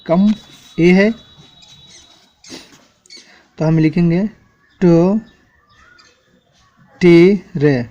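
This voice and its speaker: A man's voice: high voice, extremely slow, long pauses, warm tone, lo-fi sound. A man teaching an English spelling lesson at a board, spelling words out letter by letter and checking in with the class often.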